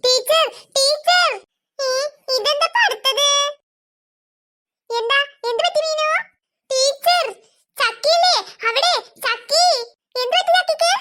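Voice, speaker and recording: Woman doing a squeaky cartoon schoolgirl, urgent, tattling to the teacher. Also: slow pace, long pauses, noisy background. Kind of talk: cartoon voice acting.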